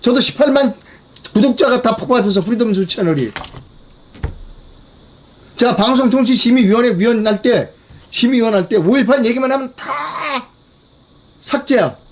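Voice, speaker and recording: An older man giving a political news briefing, talking emphatically, repeating himself and putting rhetorical questions to his viewers. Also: very high voice. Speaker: political commentator.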